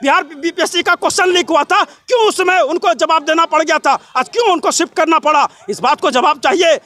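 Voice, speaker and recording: A young man with a Bihari accent giving an impassioned interview in a breathless, run-on, forceful way, piling up clauses, repetitions and rhetorical questions. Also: extremely high pitch, brisk. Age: young adult. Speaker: job candidate and protester being interviewed.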